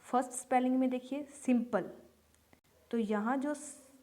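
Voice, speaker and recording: A woman with a high-sitting, dark-toned voice gives a slow phonics lesson for beginners, teaching English letter sounds. She speaks patiently at a measured pace and repeats each example word.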